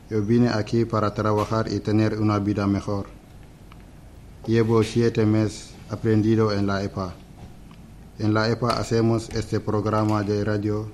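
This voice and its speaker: Slow, deep-voiced man reading. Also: darkish tone, a little hiss or hum. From Senegal. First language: Serer. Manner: short simple sentences, careful and deliberate. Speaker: adult student on a school radio show. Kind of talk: reading a prepared personal text on radio.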